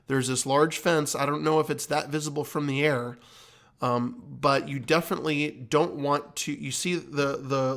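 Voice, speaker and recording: A flight instructor and host explains things in the manner of a teacher, his voice slightly high and fairly bright. He teaches emphatically and keeps repeating the key points.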